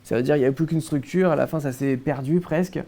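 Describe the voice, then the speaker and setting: A man's voice: fairly high pitch, fast talker, mellow. A young man from France, a guest in a casual interview, recounting his childhood with many hesitations and restarts.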